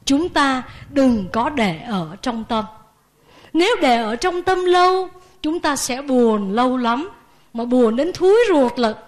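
A woman, a Buddhist nun, giving a lively sermon and asking the audience questions. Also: high-pitched, takes it slowly.

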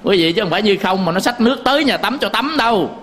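With slight background noise behind him, a Buddhist monk teacher preaches in a high-pitched, animated, fast voice with a fairly bright tone. His Southern Vietnamese accent carries folksy stories, frequent chuckles, and direct appeals to listeners.

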